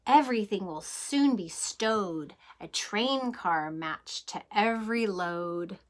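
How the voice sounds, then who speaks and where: Gently and expressively, a woman who teaches kindergarten reads a picture book to little kids, pausing to pose questions. Her voice sits at medium pitch and is expressive.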